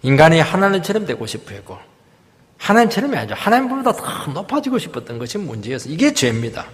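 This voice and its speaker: Male pastor, higher-pitched, lively preaching with sharp loud peaks and quiet dips, long church reverb. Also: quick pace. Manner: emphatic preaching with sudden loud rises and hushed drops. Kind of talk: sermon. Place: church sanctuary.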